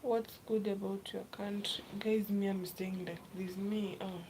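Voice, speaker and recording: A young woman from Kenya chatting casually on a live stream, reading viewer comments aloud and often dropping to a soft, half-whispered voice. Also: medium pitch, flat delivery, measured pace, slight background noise, poor audio. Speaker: livestreamer.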